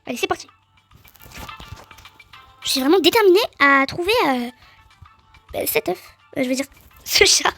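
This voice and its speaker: A woman giving chatty, excitable let's-play commentary on a game, talking straight to her viewers. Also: sits high, normal speed, pauses often, faint music behind. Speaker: gaming video creator.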